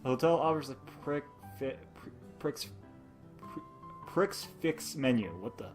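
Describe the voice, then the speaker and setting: Male let's-play host, mid-pitched, reads story text with jokes, giggles and stumbles. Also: unhurried, music in the background. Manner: laughs often, jokes, stumbles over words while reading. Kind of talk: reading a visual novel aloud with commentary.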